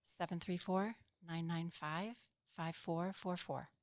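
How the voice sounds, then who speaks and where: Woman, Danish accent with a northern English tinge, lowish voice, earnest, measured, dry close studio mic. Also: steady tone, dry recording. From Denmark. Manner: measured, earnest, explains plainly. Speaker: guest, executive director of a nonprofit. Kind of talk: podcast interview. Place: small podcast studio. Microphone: studio mic on a boom, with headphones.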